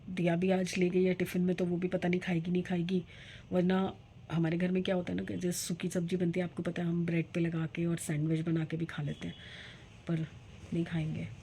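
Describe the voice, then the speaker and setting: A woman's voice: lowish voice, warm tone, slight background noise. A middle-aged woman talking casually in a home vlog, rambling and chatty with many fillers. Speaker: vlogger.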